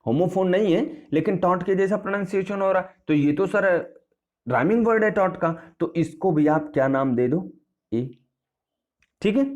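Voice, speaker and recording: A man's voice: high voice, a little mellow. A man teaching an English poetry lesson in a classroom style, repeating points and asking and answering his own questions while addressing students familiarly. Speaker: English tutor.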